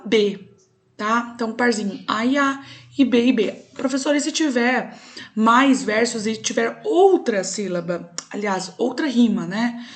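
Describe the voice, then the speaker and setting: A young adult woman teacher with a Brazilian Portuguese accent gives a recorded online class. Her voice sits a little high, and she explains patiently step by step, checking in with her students often.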